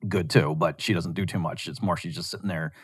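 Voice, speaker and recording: A man hosting a show, casually retelling a scene from a show in a rambling, animated way with lots of restarts. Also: low-pitched, fairly quick, husky, no echo, studio quality. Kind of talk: casual storytelling monologue.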